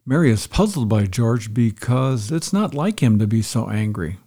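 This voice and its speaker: A man giving a calm, reflective devotional talk as a pastor, retelling a story to make a point. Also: mid-range voice, moderate pace, breathy edge.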